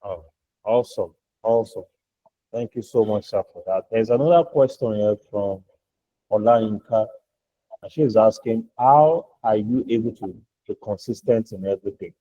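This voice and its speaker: A male moderator briefly thanks the speaker and reads out audience questions. His voice is low and very dark. The recording is dull and lo-fi, and dry. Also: moderate pace, no echo. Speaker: session moderator.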